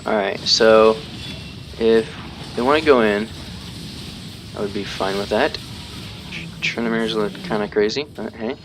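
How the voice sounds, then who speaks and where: A man with a lowish voice speaks a little slowly, with long pauses, over a noisy background. He gives casual live commentary on his own gameplay, explaining tactics as he plays, thinking aloud, and poking fun at his own mistakes.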